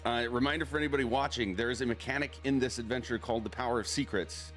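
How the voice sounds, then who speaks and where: A man narrating as game master of a tabletop role-playing game, speaking haltingly with many fillers. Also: medium pitch, steady tone, fairly bright tone, soft background music.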